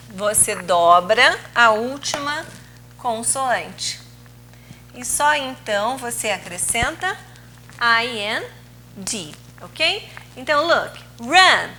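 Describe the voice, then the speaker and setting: A woman teaching English in a recorded video lesson, explaining rules slowly and patiently, drawing out key words, with Portuguese as her first language. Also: fairly high pitch, bright, forceful tone, slight background noise, low-quality recording.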